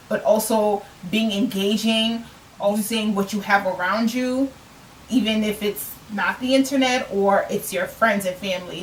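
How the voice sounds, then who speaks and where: A woman's voice: medium pitch, fairly bright tone, distant mic, poor audio. An earnest woman in her twenties speaks in a casual, reflective vlog manner, often repeating a phrase to press a point home. Her voice sits a little back from the microphone, with a faint hiss underneath. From United States. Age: 20s. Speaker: self-published author.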